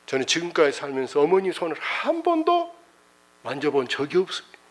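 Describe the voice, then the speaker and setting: A man's voice: fairly high pitch, huge pitch swings, fairly quick. A man voicing an earnest, humble young job applicant who answers questions about his studies.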